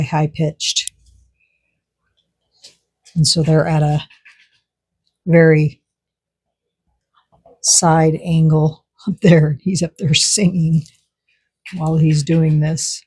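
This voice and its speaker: A woman's voice: low-pitched, little pitch movement, slow pace, pauses often, mellow, breathy edge, no echo. A woman vlogger narrating casually as she works on a resin craft project, chatty and repeating words for emphasis.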